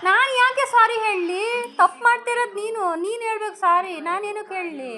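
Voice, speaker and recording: High-voiced woman scolding a child. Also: fairly quick, pushed and bright, slight background noise. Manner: scolding, repeated questions, insistent. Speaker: mother scolding her daughter. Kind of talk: home vlog, scolding a child.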